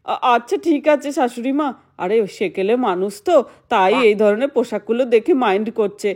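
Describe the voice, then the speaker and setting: A woman voicing a polite, flustered son-in-law, speaking low and hesitantly. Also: a little fast, darkish tone, close to an everyday voice. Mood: sheepish.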